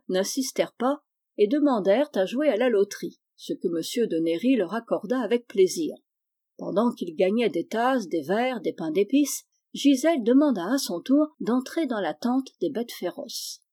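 Mellow-voiced woman narrating a classic tale. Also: medium pitch, normal speed. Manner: steady, even storytelling. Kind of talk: audiobook narration of a classic novel.

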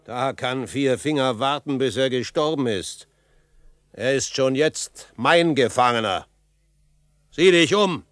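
A man's voice: medium pitch, animated, slow, a bit bright, no echo, clean studio sound. An actor playing a bold, self-assured frontiersman in a radio drama, speaking in a commanding, formal, declamatory way. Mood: proud, threatening. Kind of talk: German radio drama acting.

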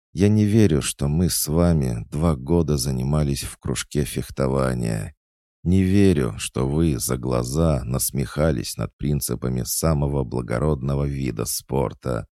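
A man's voice: very deep voice, no echo, clean studio sound. A man doing a tearful, indignant young noblewoman.

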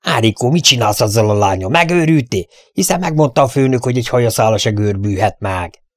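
A man doing a shouting alarmed bandit. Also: mid-range voice, animated, no room sound, clean studio sound, lightly acted.

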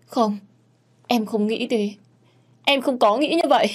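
Woman doing a tearful young servant girl for an audio story, voice pushed high and husky, begging through sobs. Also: expressive, measured pace. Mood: tearful pleading. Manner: sobbing, apologetic pleading. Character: young woman crying, pleading maidservant.

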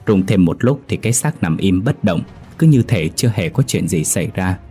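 A man, narrating a scripted horror story in a steady, measured, grave manner. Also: deep voice, faint music behind.

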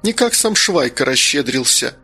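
A man voicing a stern female guard commander who gives brisk orders in an audiobook. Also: medium pitch, sing-song, bright, forceful tone, breathy edge, faint music behind, full character voice.

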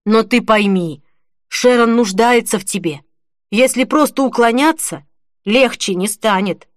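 A woman's voice: on the high side, a little slow, dry recording, studio quality, close to an everyday voice. A woman reading the part of a grown man who earnestly and firmly consoles a grieving friend in an audiobook. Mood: gentle, firm. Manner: earnest, persuasive, gently firm.

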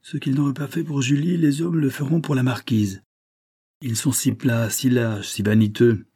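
A man's voice: mid-range voice, fairly even intonation, normal speed, warm tone, breathy edge, no echo, clean studio sound, voice pushed up, lightly acted. A man voicing a scheming, proud young society widow in an audiobook, speaking in a brooding monologue.

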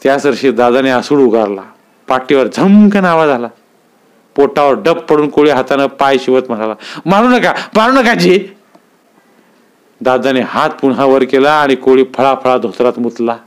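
A man narrating a village story, reading the narration and acting out the rough, heated dialogue. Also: mid-range voice, moderate pace. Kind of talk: dramatic storytelling.

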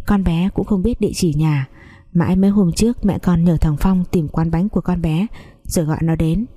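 A woman's voice: fairly low pitch, dark tone, natural voice. A woman voicing a grieving old stepfather. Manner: halting, sorrowful explaining. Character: grieving older stepfather, weary and gentle. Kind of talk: storytelling.

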